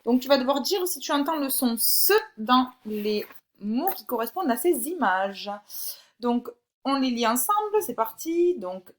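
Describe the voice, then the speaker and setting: A woman teaching a recorded phonics lesson to young children, reading words slowly and clearly and encouraging the child directly. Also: sits high, big pitch swings. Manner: slow, clear, drawn-out word by word reading. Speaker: primary school teacher.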